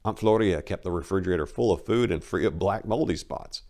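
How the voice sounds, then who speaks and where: A deep-voiced man hosts and narrates, reading a scripted story in a dramatic, theatrical style and leaning on words for emphasis. He speaks slightly fast, and his tone is somewhat dark.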